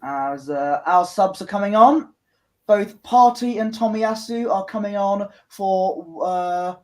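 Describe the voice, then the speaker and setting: A man's voice: high voice, slow pace. A man co-hosting a live football watchalong, reacting as a fan and urging players on. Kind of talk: live match commentary chat.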